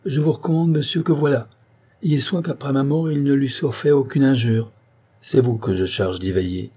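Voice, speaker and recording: A man reading an audiobook voices a proud, condemned king who speaks in a commanding, defiant tone and rises to shouts. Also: mid-range voice, fairly even intonation, normal speed, husky, close to an everyday voice. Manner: masterful, defiant, rising to shouts.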